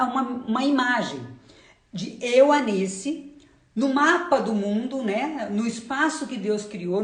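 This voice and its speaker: Woman, Brazilian accent, live-stream testimony, spontaneous, repeats short phrases, echoey room. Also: fairly high pitch. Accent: Brazilian Portuguese. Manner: informal and effusive, calls the audience "gente". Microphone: live-stream setup, camera or phone.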